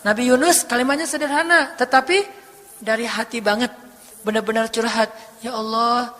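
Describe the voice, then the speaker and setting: A male preacher giving a casual, conversational sermon, telling stories with lively delivery. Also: very high-pitched, brisk. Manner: animated storytelling, acting out quoted voices. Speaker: Islamic preacher. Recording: echoey hall with long reverb.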